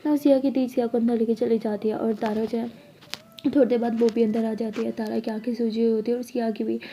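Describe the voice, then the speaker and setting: High-voiced woman storyteller. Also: flat delivery, fast talker, dark tone, a little hiss or hum. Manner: chatty, conversational narration. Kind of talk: storytelling narration. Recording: dull lo-fi recording.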